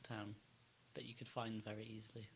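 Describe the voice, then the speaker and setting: A man's voice: lowish voice, flat delivery, creaky. Welsh guy about twenty, chatty podcast cohost, jokey, bit of hiss on the mic. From Wales. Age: 20s. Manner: chatty, quick to laugh and tease. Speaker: podcast co-host. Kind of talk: casual chat.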